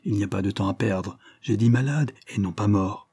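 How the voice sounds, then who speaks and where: A man voicing a brisk male lawyer who speaks in an urgent, reassuring way. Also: lowish voice, dark tone, husky, no room sound, studio quality.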